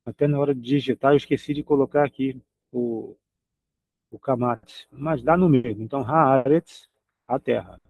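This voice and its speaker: A man's voice: medium pitch, normal speed, vocal fry, darkish tone, dry recording, muffled recording. A man teaching a recorded Hebrew grammar lesson, patiently repeating each example word.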